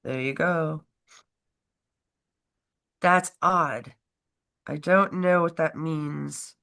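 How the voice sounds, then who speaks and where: Extremely slow and low-voiced, with a fairly bright tone, a woman co-hosts a casual political chat on a livestream. Her cold has her stuffed up, and she rambles, laughs frequently, and stops mid-sentence.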